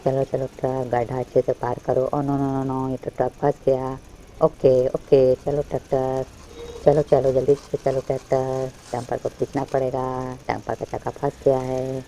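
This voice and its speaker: A man hosting a toy channel, narrating toy play for children in an excitable way, full of wows and oh-nos as he urges the toys on. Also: mid-range voice, normal speed, a little hiss or hum, low-quality recording.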